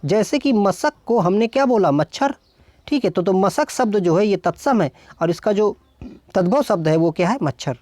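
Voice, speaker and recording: A woman's voice: mid-range voice, expressive, normal speed, dark tone, no echo. A woman teaching an exam-solution lesson, explaining step by step and answering her own questions as she goes. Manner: often adds "thik hai" and "dekhiye". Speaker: Hindi exam tutor.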